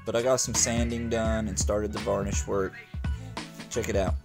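Speaking to the camera outdoors aboard his sailboat, this vlogger in his forties narrates a relaxed boating video over background music. He has a lowish voice with a level tone, some vocal fry, and a moderate pace.

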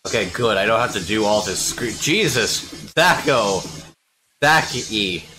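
A man's voice: fairly low pitch, animated, a little slow, sharp tone, faint music behind. A man co-hosting a game stream, joking casually while playing. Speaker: streaming co-host. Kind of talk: casual gameplay chat.

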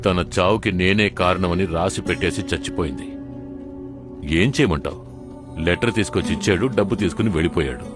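A man's voice: deep voice, a little fast, natural voice. An actor playing a haughty, crooked male college chairman who turns threatening. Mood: menacing. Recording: film soundtrack with loud music.

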